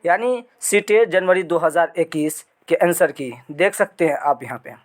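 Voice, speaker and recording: Higher-voiced man hosting an exam update. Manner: repetitive, restarting phrases. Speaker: channel host. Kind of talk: casual screen-walkthrough update.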